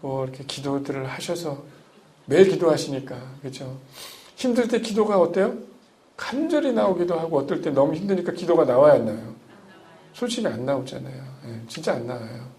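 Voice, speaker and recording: A middle-aged male pastor preaching to his congregation in a slightly higher voice for a man. He asks the listeners question after question and waits for their answers. He moves between loud, emphatic lines and soft, hushed ones. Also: lively intonation, a little fast. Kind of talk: sermon.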